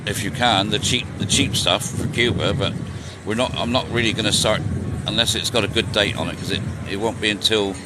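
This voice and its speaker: Brisk and with few pauses, a vlogger in his sixties talks in a lowish voice with fairly even intonation. He's riding through city streets on a live stream, chatting casually, joking, and taking viewer questions, with traffic and street noise in the noisy outdoor recording.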